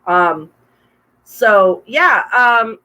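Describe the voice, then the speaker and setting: A woman co-hosting a casual livestream chat, bubbly and quick to laugh, with a bit of a cough. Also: fairly high pitch, animated, pushed and bright, poor audio. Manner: bubbly, laughs often, chatty with viewers. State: coughing, throat trouble. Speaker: podcast co-host. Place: home room, livestream with wine.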